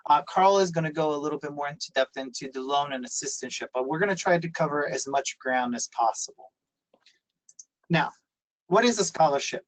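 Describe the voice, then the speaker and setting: A university presenter who grew up in Italy gives a webinar over a video call, explaining things with many fillers and restarts. His voice is on the high side and fairly quick, and the audio is poor, though without echo.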